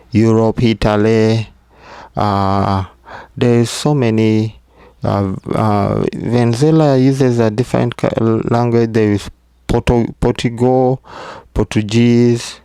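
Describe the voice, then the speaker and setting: Male vlogger, low voice, unhurried halting delivery, casual advice talk. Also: gravelly, darkish tone, clean tone, no echo, studio quality. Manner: slow, halting, with restarts.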